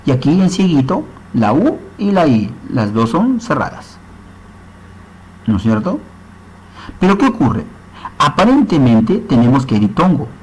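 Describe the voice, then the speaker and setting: Husky-voiced male teacher. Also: mid-range voice, wildly swooping pitch, a little slow, long pauses, darkish tone, rough recording. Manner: explains step by step, often checks understanding with short tag questions. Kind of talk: recorded grammar lesson.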